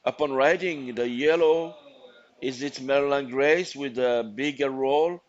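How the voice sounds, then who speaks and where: A man's voice: medium pitch, unhurried, muffled recording. A man with a North African, Moroccan accent and non-native English phrasing, giving live sports commentary. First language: Arabic.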